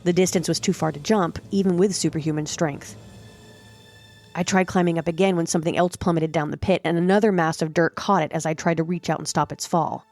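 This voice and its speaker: A woman with a low-pitched voice tells a first-person story in a steady, dramatic way. Faint music plays under her narration. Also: brisk.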